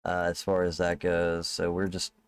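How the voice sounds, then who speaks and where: A man's voice: deep voice, monotone, normal speed, smooth. A man running a tabletop game as game master, casual and loose, with swearing and laughing asides.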